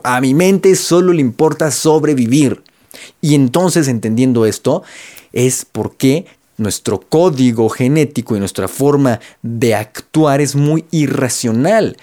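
A man's voice: medium pitch, mellow. A man with a Mexican accent giving a casual motivational talk to camera, talking conversationally with slang and repeated phrases for emphasis. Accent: Mexican Spanish. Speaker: motivational vlogger.

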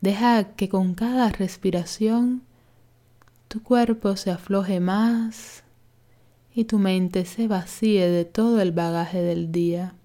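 Gentle instructions from a yoga instructor guide this relaxation meditation. The woman's voice is soothing and calm, medium in pitch and slow in pace.

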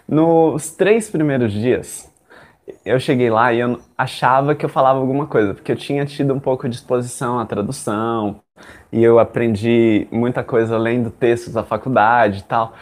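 A man's voice: mid-range voice, darkish tone. A young Brazilian man teaching English in casual chat, talking straight to his listeners and acting out his own past thoughts.

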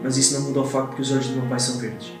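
Fast-talking young Portuguese man, echoey room. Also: medium pitch, monotone, far from the mic, music in the background. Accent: European Portuguese. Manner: teasing, rushes through his readings. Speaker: podcast co-host. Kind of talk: casual chat, reading horror stories aloud.

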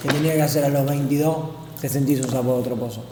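A man's voice: mid-range voice, fairly even intonation, fast talker. A man in his thirties with an Argentine accent, chatting casually as host, rambling and teasing. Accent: Argentine Spanish. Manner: rambling, teasing, turns emphatic when lecturing. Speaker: streamer host. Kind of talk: casual chat. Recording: echoey roomy space with faint noise.

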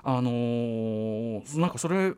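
A man hosting a casual radio conversation, emphatic and often pausing to search for his words. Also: mid-range voice, animated, a little mellow. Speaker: radio show host.

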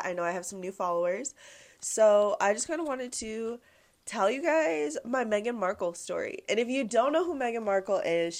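A young woman in her twenties hosting a casual solo podcast, congested and a bit nasal, chatty and peppered with "like.". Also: mid-range voice. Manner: chatty, heavy use of "like", swearing. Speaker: podcast host.

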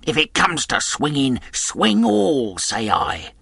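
A man voicing a gruff, violent old sea captain who drinks hard and barks his words out in exclamations. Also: mid-range voice, lively intonation, moderate pace, sharp tone, dry recording, pitched above the performer's own voice, full character voice. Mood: angry, defiant. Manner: barking, exclamatory.

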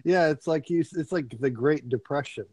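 A man's voice: a little high, normal speed, darkish tone, slightly rough, dry recording. A man co-hosting a casual comedy podcast, rambling and laughing often as he talks. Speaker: podcast co-host.

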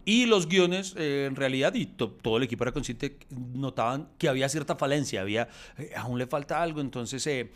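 A man's voice: mid-range voice, expressive, fairly quick, hardly any pauses. A man telling a long story in a casual podcast chat, acting out quotes and laughing often.

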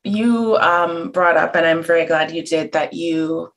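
A woman's voice: on the low side, unhurried, poor audio. A woman interviewing in a conversational way, feeling her way carefully into each question.

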